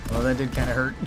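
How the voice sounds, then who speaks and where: A man giving casual, chatty commentary while streaming a video game, laughing often. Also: medium pitch. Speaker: gaming streamer.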